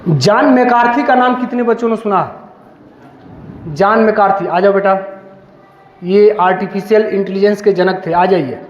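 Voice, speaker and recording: A man with a high voice leads an interactive classroom session, calling students forward one at a time and cheering them on. The sound is dull and lo-fi, and it rings with a long, roomy reverb. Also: moderate pace, long pauses. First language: Hindi. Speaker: police officer leading a school workshop. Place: school hall. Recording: echoey hall, dull lo-fi sound.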